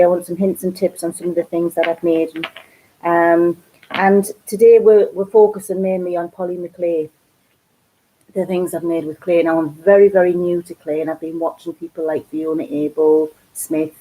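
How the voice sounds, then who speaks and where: A woman with a Geordie accent hosts a casual live craft stream from home, her voice low, warm and steady at a moderate pace. She chats and rambles with lots of ums, and the audio quality is poor.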